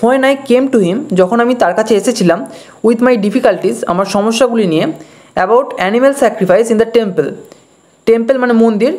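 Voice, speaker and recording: Mellow woman teacher explaining line by line. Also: fairly high pitch. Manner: reads English lines slowly, then glosses them quickly in Bengali; patient, explanatory. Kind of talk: line-by-line text explanation lesson.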